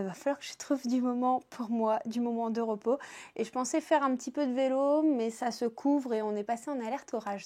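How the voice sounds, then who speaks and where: A woman's voice: a little high, a little mellow. A young woman from France chatting casually in a book vlog, with lots of fillers, saying she is tired. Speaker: book vlogger.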